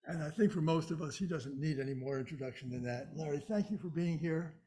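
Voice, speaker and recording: A man's voice: on the high side, fairly quick, mellow. A man giving an informal, hesitant introduction of a speaker to a live audience. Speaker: event organiser introducing a speaker.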